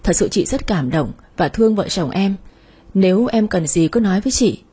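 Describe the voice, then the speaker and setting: A woman's voice: mid-range voice, animated, normal speed, mellow, breathy edge. A woman voicing a kind, generous female company director who speaks in a caring, motherly way in an audio story.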